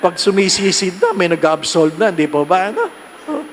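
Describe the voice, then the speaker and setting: Filipino male priest, fairly high voice, joking sermon, chatty tag questions, faint background noise. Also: sing-song, normal speed. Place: church during Mass.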